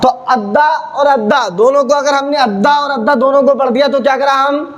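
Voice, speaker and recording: High-voiced man drilling students. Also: moderate pace, lo-fi sound. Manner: repetitive call-and-response drilling, asks and answers his own questions. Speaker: Quran teacher. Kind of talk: classroom-style teaching video. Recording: noisy background.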